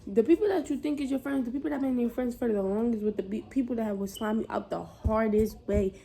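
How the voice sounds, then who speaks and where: A young woman tells a casual storytime to her viewers, animated and slangy. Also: fairly high pitch, fast talker, vocal fry, a little hiss or hum. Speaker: vlogger.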